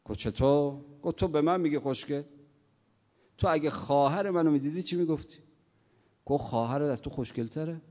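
A man's voice: fairly high pitch, pauses often. Impassioned preacher man in a reverberant hall. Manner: swings from quiet storytelling to loud impassioned preaching; acts out dialogue in stories. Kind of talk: sermon with storytelling.

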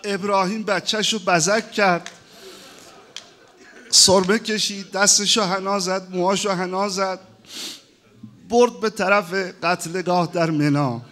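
Male preacher, mourning sermon; very high, ringing voice, lamenting delivery. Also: steady tone, pauses often. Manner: lamenting, sighing, swings between hushed and loud wailing.

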